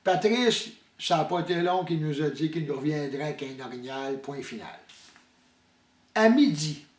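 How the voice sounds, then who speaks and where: This man, a little high-voiced and expressive at a moderate pace, tells a comic hunting story in a Quebec French accent. His delivery is folksy and hesitant, and he mixes up sayings. The roomy echo suggests a distant mic.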